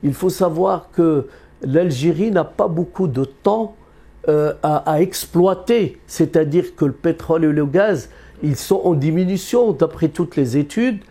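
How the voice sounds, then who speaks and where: Raised in Algeria with Berber roots, a man gives an unscripted interview as an economist, speaking earnestly but haltingly with many fillers and restarts. His voice is a little high and warm in tone.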